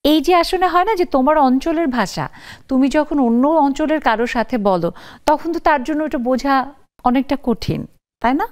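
A woman's voice: high voice, expressive, a little fast. A woman hosting a live television talk show, inviting callers and viewers to share their thoughts. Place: TV studio.

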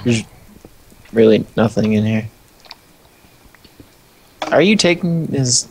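Male gamer, mid pitch, casual explainer who laughs easily, faint mic hiss. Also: animated, slow, gravelly. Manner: explains game mechanics, laughs often. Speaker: player. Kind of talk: casual gaming chat.

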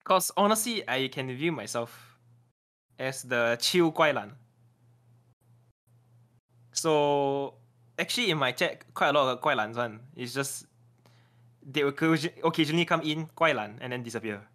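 A man's voice: medium pitch, lively intonation, measured pace, pauses often, pushed and bright. A man chatting casually on a podcast, offering encouragement in loose, informal phrasing. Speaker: streamer and podcast co-host.

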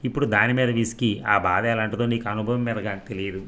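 A man's voice: on the low side, steady tone, fast, a bit bright, slight background noise, natural voice. A man voicing a touchy young man who complains in a sulky, plaintive way.

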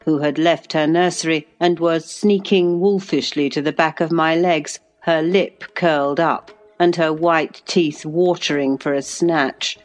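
A woman narrating a classic novel aloud in a measured, even literary reading. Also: low-pitched. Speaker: audiobook narrator.

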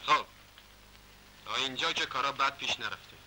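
A gloating gang leader, voiced by a man, spells out threats in a calm mid-pitched voice. It is dubbed 1960s film acting on a hissy old soundtrack. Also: close to an everyday voice. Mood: menacing.

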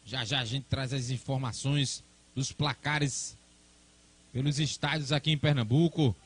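A man's voice: medium pitch, fairly even intonation, unhurried, slightly rough. A man calling a football match live in a chatty, colloquial way. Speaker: football play-by-play commentator.

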